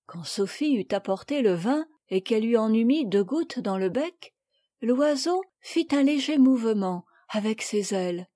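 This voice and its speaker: A woman's voice: a little high, dark tone, no echo, studio quality. A woman reading a classic children's novel aloud as narrator, giving each girl a voice of her own. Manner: reads with distinct voices for several girls. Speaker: audiobook reader. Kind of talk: scripted narration.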